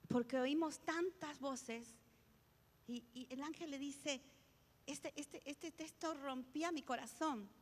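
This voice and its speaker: A woman's voice: high voice, takes it slowly, in a large hall. A woman pastor preaching a sermon, emphatic and repetitive, often restarting her words. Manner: emphatic, repeats key phrases, many restarts.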